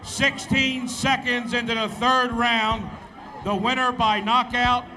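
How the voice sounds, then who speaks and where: A man working as a ring announcer, his formal result announcement booming over an arena PA system, with each name drawn out long. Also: level tone, slow, bright, forceful tone, a little hiss or hum, low-quality recording. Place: boxing arena, heard from afar.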